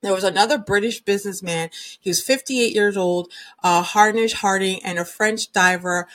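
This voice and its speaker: A woman's voice: medium pitch, moderate pace, a bit bright. A woman hosting her own podcast, talking casually and chattily with many fillers. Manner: chatty, uses many fillers like um and you know. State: recovering from a cold and sinus infection. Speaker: podcast host. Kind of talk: casual solo podcast talk.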